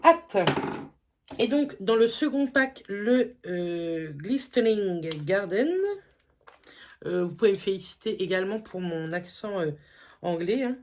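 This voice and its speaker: A woman's voice: medium pitch, normal speed, darkish tone, a little hiss or hum. A woman, chatting casually through a beauty haul, full of fillers and enthusiastic asides. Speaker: beauty vlogger.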